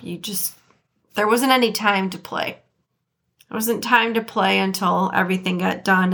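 Slow-talking Midwestern woman, bright and gravelly. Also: medium pitch. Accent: Midwestern American (Detroit). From Detroit area, USA. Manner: chatty, laughs often, speaks to listeners as "guys". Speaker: podcast host. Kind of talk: casual solo podcast talk.

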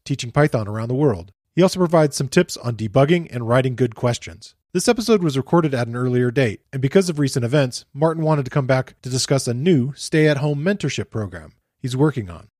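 A man hosts a podcast, reading his introduction and then asking questions in a steady, friendly way. His voice sits in the middle range, recorded dry and close. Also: mid-range voice, dry recording. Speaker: podcast host.

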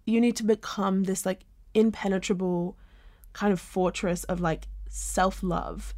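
A young woman hosting a podcast, speaking in a reflective, earnest way with drawn-out phrases. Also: mid-range voice, a little mellow, no echo, clean studio sound. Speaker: podcast host. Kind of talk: casual podcast conversation.

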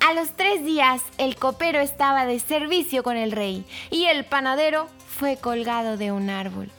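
A woman hosting a weekly children's story show, narrating in an animated, expressive way with emphatic repetition. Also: high-pitched, moderate pace, soft background music.

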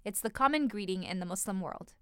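A woman's voice: medium pitch, lively intonation, brisk, bright, forceful tone, smooth, no room sound, clean studio sound. A woman co-hosting a language lesson, conversational and explanatory in her delivery. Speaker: Urdu lesson podcast host. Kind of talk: casual co-hosted language lesson.

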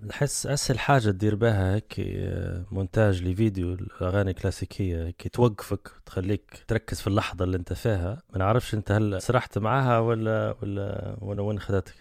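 A man's voice: lowish voice, fairly even intonation, fast, vocal fry, hardly any pauses, a little mellow, dry recording, clean studio sound. A Libyan man hosting a podcast, eager and given to musing aloud about his thoughts. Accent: Libyan Arabic. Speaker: podcast host. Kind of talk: casual podcast conversation.

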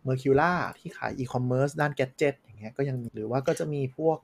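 A man's voice: mid-range voice, moderate pace. A man co-hosting a podcast in casual chat, frankly explaining things with examples. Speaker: podcast co-host.

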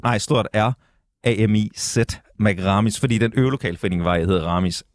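A man's voice: fairly low pitch, dry recording, studio quality. A man from West Jutland with a West Jutland accent, a musician guest in casual radio chat, laid-back, swearing freely and full of fillers. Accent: West Jutland Danish. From West Jutland, Denmark. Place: radio studio.

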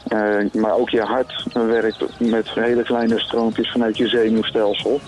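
A man's voice: lowish voice, level tone, slow, a little hiss or hum, rough recording. A man explaining chemistry patiently in a casual conversation. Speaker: science expert.

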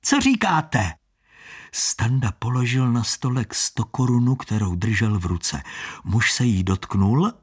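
A man narrating an audiobook story in an expressive, shifting storytelling manner. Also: mid-range voice, slightly rough.

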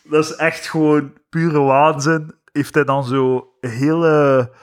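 A Flemish man talking casually, rambling and animated, with many fillers and restarts. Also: fairly high pitch, slow pace, clear, resonant tone. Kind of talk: casual discussion.

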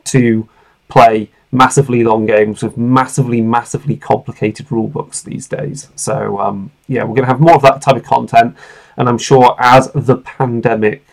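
A man's voice: mid-range voice, fairly even intonation, moderate pace, gravelly, rough recording. A man around forty hosting a casual podcast, talking in an informal, rambling way and swearing freely. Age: late 30s to 40s. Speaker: podcast host.

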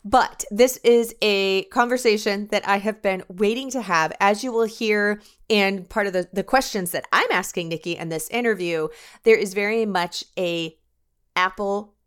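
Female podcast host, medium-pitched, explanatory introduction style. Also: normal speed, fairly bright tone, smooth.

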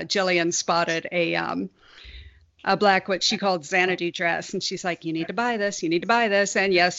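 A middle-aged woman in a casual group chat, telling a rambling anecdote in a relaxed way. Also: lowish voice, creaky, no echo. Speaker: podcast co-host, mother of a co-host. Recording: dry, dull lo-fi recording.

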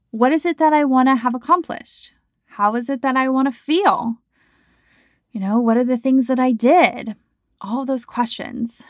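A woman's voice: on the high side, a bit bright, no room sound. Chatty woman in her thirties, dry sound. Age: 30s. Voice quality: chatty, frequent "like" and "you know". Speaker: podcast host and coach. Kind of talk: casual podcast monologue.

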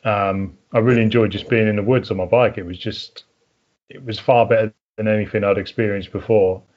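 A man's voice: lowish voice, steady tone, fairly quick, lo-fi sound. A middle-aged man with a southern English home counties accent, chatting casually as an interview guest in a hesitant, thinking-aloud way. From southern England. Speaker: podcast guest, mountain biker.

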